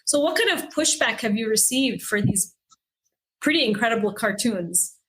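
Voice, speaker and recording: A woman's voice: fairly high pitch, animated, normal speed, fairly bright tone, husky, low-quality recording. A woman interviewer asks direct questions and agrees with her guest. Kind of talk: interview conversation.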